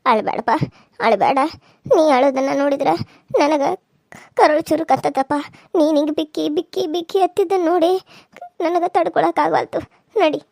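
A woman voicing an older village mother in a cartoon serial, consoling her son gently in North Karnataka Kannada. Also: extremely high pitch, steady tone, normal speed, gravelly, long pauses, no echo, clean studio sound. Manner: soothing, motherly.

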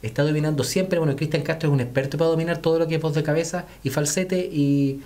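A man's voice: a little high, fairly even intonation, quick pace, a little mellow. A male vocal coach explaining singing technique, speaking to viewers as friends and breaking into short sung demonstrations.

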